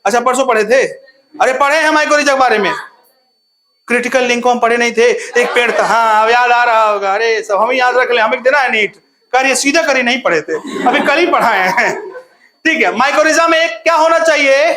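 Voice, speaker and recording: Young male tutor, bright forceful voice, playful call-and-response lecturing style. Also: very high-pitched, moderate pace. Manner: laughs often. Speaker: biology teacher. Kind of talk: online classroom lecture.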